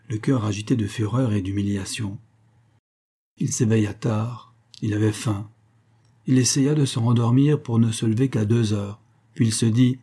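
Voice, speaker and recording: A man narrating a classic novel aloud in a measured, expressive reading. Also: fairly low pitch, husky. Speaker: reader of a novel. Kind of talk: literary audiobook narration.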